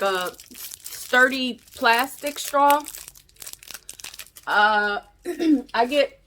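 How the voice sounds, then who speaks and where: Young woman, chatty crafting host, bright tone, light background hiss. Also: sits high. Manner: chatty, excitable, addresses viewers as y'all. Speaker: crafting vlogger. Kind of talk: casual crafting tutorial chat.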